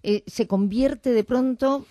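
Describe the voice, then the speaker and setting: A woman's voice: a little high, takes it slowly, warm tone, no echo. A woman interviewing a guest in a studio, chatty and teasing. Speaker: radio interviewer. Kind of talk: casual interview.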